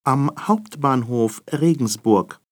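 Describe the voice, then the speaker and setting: A man making formal train station announcements, measured and clearly articulated. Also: medium pitch, darkish tone, reverberant. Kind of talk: public address announcements.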